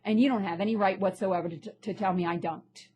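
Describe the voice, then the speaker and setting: A vlogger and actress delivers a ranting personal vlog monologue, blunt and indignant, sounding a little stuffy from a sinus infection. Her medium-pitched voice is husky and a little mellow, with fairly even intonation and a fairly quick pace.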